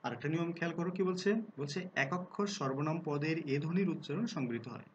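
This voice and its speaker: A man giving a recorded lesson on pronunciation, explaining rules, asking rhetorical questions and sounding out example words slowly. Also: fairly high pitch, expressive, dull audio, a little hiss or hum. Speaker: Bengali language teacher.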